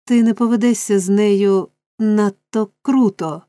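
A woman's voice: fairly even intonation, measured pace, dark tone, dry recording, close to an everyday voice. A woman putting on a frantic scheming old man. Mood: urgent. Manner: shrill, pleading, insistent.

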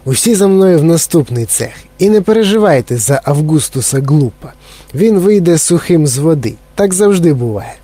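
A man voicing an eccentric, cheerful male candy maker, brisk and excitable, in a storybook reading. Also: a little high, husky, voice pushed up. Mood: excited.

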